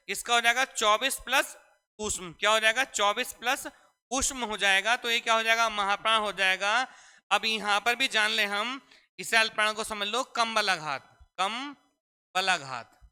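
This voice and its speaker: A high-pitched man with a sharp yet clear, resonant tone teaches a grammar lesson in class. Again and again he poses questions and answers them himself in call-and-response fashion. The hall adds an echoey reverb.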